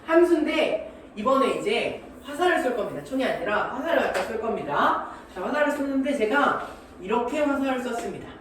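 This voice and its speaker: Lively, high-voiced male math teacher, jokey and slangy, heard from far off in a roomy classroom. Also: brisk. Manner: animated, joking, acts out little scenes; slangy, keeps checking understanding. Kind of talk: classroom lecture. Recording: echoey room from far off, noisy.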